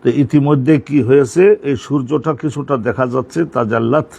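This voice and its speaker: A man's voice: mid-range voice, moderate pace, gravelly, a little mellow, husky. A man teaching an online hadith class, reading Arabic lines aloud and then explaining each phrase at length in Bengali. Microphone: online class stream.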